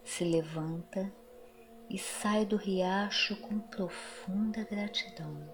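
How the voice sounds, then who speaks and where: Very slow, soft woman guiding a meditation. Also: mid-range voice. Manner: soft, soothing, very slow with long pauses. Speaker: guided meditation narrator. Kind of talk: guided meditation, scripted narration. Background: music.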